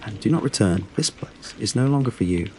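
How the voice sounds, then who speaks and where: Guy doing an ancient protector bear, gentle but firm, low voice, faint hiss behind. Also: lively intonation, brisk, natural voice, low-quality recording. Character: ancient telepathic male grizzly guardian, calm and firm.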